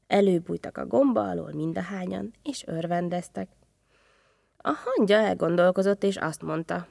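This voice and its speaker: A woman reading a children's story aloud, expressive. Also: lowish voice, vocal fry, dry recording, studio quality.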